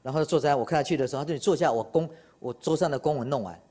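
An older man giving a public science lecture, telling anecdotes with animated quoted dialogue and laughter. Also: fairly high pitch, very fast. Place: lecture hall.

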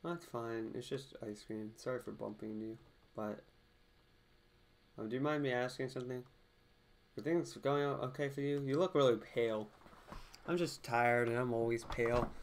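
A man reading the lines of a pale, tired, bullied teenage girl in his own quiet, subdued voice. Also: mid-range voice, fairly even intonation, moderate pace, long pauses, lightly acted. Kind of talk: reading game dialogue aloud.

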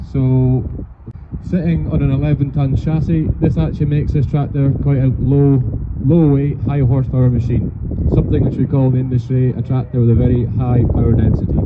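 A man giving a formal, explanatory product presentation outdoors as a machinery company presenter. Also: medium pitch. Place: outdoors at an agricultural show. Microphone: handheld microphone through speaker, filmed from afar. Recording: thin phone-like PA sound, faint outdoor noise.

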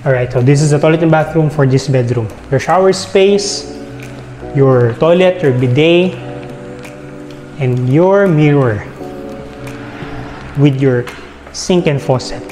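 A man's voice: a little high, slow, pauses often. Filipino man touring an echoey house. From Philippines. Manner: walking while narrating, listing features with frequent "yan" and "no" tags. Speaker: real estate tour guide. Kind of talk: house tour narration. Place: large empty house, indoors. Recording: echoey rooms with soft background music.

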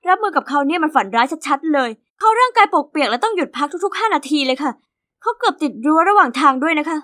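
A woman narrating as a cheeky teenage orphan girl in an animated diary story. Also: high-pitched, quick pace. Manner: lively, cheeky first-person storytelling.

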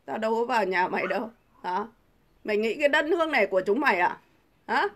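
Middle-aged woman vlogger, fairly high voice, combative and scornful, hurls rhetorical questions. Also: lively intonation, quick pace, fairly bright tone. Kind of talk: angry political rant to camera.

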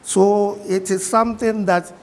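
A middle-aged man with a Ghanaian accent, a guest from the fishing industry in a TV studio interview, speaking in a measured way and repeating his key points. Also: high-pitched, little pitch movement, long reverb tail.

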